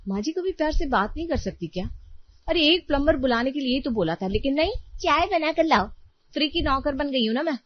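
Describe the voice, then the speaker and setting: Woman voicing a young daughter-in-law, complaining, pleading, high voice, lo-fi sound. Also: animated, brisk, dry recording. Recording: dull lo-fi recording.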